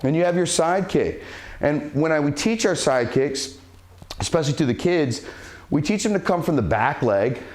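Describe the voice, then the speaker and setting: A man's voice: a little high, animated, moderate pace. A man coaching a martial arts cardio workout, a little out of breath as he demonstrates the kicks. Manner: breathes sharp huss sounds on strikes while demonstrating. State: slightly out of breath from exercising. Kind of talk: instructional workout talk.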